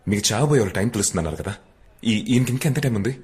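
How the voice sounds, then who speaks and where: An actor playing a young man asking cautious questions in a comedy film scene, with a husky, hushed voice. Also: fairly low pitch, animated, racing.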